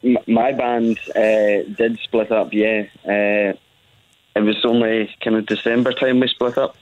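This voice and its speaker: Scottish man, polite, hesitant, heard through a tinny phone line, lowish voice. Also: little pitch movement, measured pace, no room sound. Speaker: tribute act receiving a phone call. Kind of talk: casual phone conversation.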